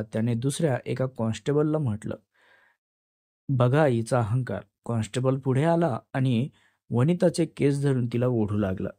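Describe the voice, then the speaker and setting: A man narrating a dramatic story in a steady storytelling manner. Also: mid-range voice, dry recording, studio quality.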